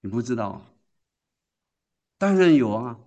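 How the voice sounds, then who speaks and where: A man's voice: mid-range voice, big pitch swings, measured pace, mellow, lo-fi sound. A man preaching a sermon. He tells the story emphatically and keeps asking the congregation questions, then answering them himself.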